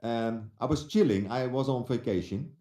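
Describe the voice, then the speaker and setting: A man's voice: mid-range voice, normal speed, warm tone, echoey room. A man from the Netherlands with a Dutch accent, a guest telling his story in casual chat, hesitant and full of restarts. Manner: hesitant, many restarts and fillers.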